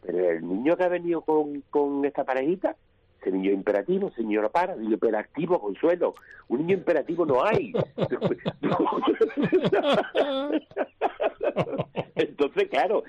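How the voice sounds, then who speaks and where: A man from Cádiz province with an Andalusian accent, a comedian telling lively anecdotes in a radio interview, acting out the people in them. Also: on the high side, a little slow, slightly rough, no room sound, muffled recording. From Cádiz province, Spain. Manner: lively anecdotes, mimics his mother's voice. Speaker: comedian guest. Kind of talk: animated storytelling in a radio interview.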